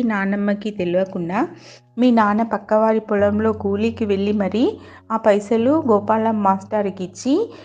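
A woman voicing a loyal, gentle old male farmhand who talks in a pleading, fatherly way. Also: medium pitch, lightly acted. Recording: slightly dull, faint music behind.

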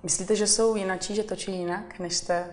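A woman leads the interview with gentle, thoughtful questions. Her voice sits in a middle pitch, calm and easy. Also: a little hiss or hum. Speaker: interviewer, host. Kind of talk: interview conversation.

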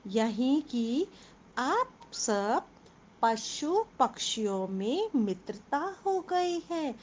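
A woman's voice: sits high, sing-song, extremely slow, a little hiss or hum, heavily acted. A woman voicing a cunning female fox who talks in a sugary, coaxing way in a children's story. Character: sly sweet-talking fox, female, cunning.

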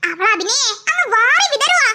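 A woman's voice: very high-pitched, big pitch swings, moderate pace, background noise, heavily acted. A woman voicing a bossy, scheming schoolgirl ringleader who talks smugly with giggles in a cartoon. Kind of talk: cartoon voice acting.

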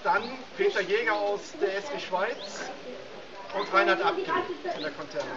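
A man's voice: high voice, normal speed, very noisy. A middle-aged man making a casual, hesitant announcement to a camera outdoors. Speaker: challenge participant. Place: outdoors on a wooden riverside deck. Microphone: camera a few metres away. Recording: distant, muffled mic, loud group chatter.

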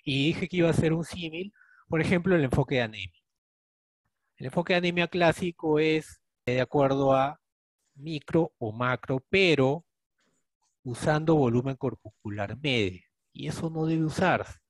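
A man's voice: on the high side, normal speed, dry recording. A man with a Peruvian Spanish accent leading a clinical case discussion, reasoning step by step and often checking in with students. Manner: explains step by step, often asks students questions with a rhetorical "¿no?". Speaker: attending physician teaching a case discussion. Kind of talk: clinical teaching, thinking aloud.

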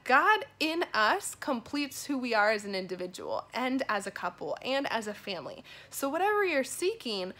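A young woman with a fairly high, bright and forceful voice. She talks casually to her phone like a vlogger, earnest and emphatic as she encourages her viewers. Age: young adult. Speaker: vlog host giving an encouragement message. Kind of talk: casual motivational talk to camera. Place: small indoor room at home. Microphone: phone at arm's length.

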